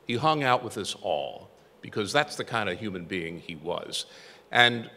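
Older male speaker at a tribute, wry anecdotal storyteller, forceful lowish voice, reverberant hall sound. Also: animated, unhurried. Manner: storytelling, self-deprecating humor. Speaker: tribute speaker, former newsroom copy boy. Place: event hall. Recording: echoey hall with long reverb.

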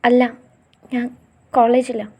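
A woman voicing a tearful young woman in love, soft and pleading. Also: on the high side, level tone, takes it slowly, voice pushed up.

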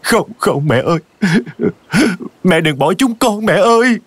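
A man's voice: high voice, lively intonation, measured pace, no echo, voice pushed up. A man voicing a grieving grown son who stammers broken pleas, in a storybook horror reading. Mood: distraught.

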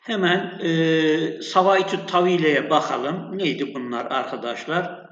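A man gives a slow, patient lesson on Arabic letters and long vowels. His voice sits a touch high. The recording is echoey and a little dull. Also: a bit bright. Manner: slow, patient, repeats sounds and addresses students as friends. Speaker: Arabic teacher. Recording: echoey, dull lo-fi room sound.

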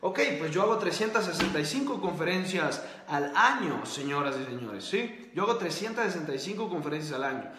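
His voice is a little high, expressive, and bright with a forceful tone, echoing around the room as he hosts a motivational talk to camera. He speaks emphatically, repeats key phrases, and asks listeners quick yes-or-no questions.

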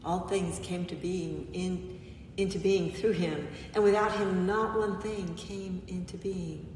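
A woman pastor giving a gentle, reflective sermon with frequent pauses, recorded in a church sanctuary from a distant mic. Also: fairly low pitch, steady tone, slight background noise. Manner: gentle, reflective, pausing often. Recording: echoey church, mic far off.

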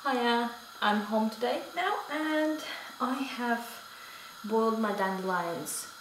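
A young woman talks casually as she works in her kitchen, chatting and correcting herself as she goes. Her voice sits a little high. The room sounds echoey, with pans and dishes clattering behind her. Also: takes it slowly, noisy background. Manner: chatty, self-correcting, talks while working. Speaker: homestead vlogger. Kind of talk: casual home vlog. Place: home kitchen, indoors.

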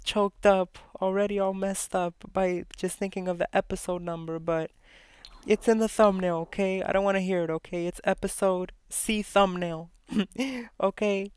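A young woman hosting a gameplay video, chatting casually and excitedly, often repeating herself. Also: medium pitch, smooth, dry recording, clean studio sound. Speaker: let's play host.

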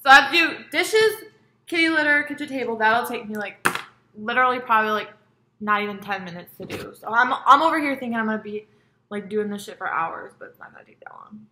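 A woman's voice: a little high, brisk, bright, forceful tone. A young adult woman vlogging at home, chatting in a rambling, profane way as she eats on camera. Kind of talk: casual mukbang chat.

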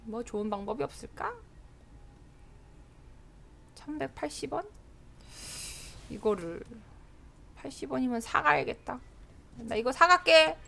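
A woman's voice: high-pitched, measured pace, gravelly, long pauses, pushed and bright, slight background noise. A woman streaming a game live, chatting to herself and her teammates and often breaking into exclamations. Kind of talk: live gameplay commentary.

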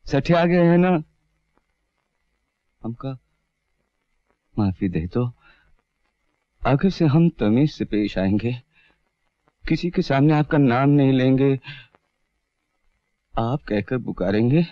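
A man's voice: sits high, sing-song, moderate pace, no echo. An actor playing a humble, uneducated rickshaw-puller who raised a girl as his own, in a 1980s film melodrama. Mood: pleading. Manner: pleading, emotional, rustic speech. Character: humble uneducated rickshaw-puller man, devoted foster father. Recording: dull, music behind.

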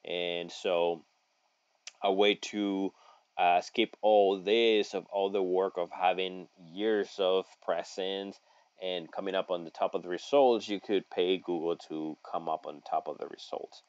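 A man's voice: low voice, fairly even intonation, darkish tone, no echo. A middle-aged man giving a screen-share tutorial from a home office, reading an article aloud and adding his own comments, with lots of fillers and restarts. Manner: halting, many fillers and restarts, folksy asides. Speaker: local online marketing consultant. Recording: dry, slightly dull audio.

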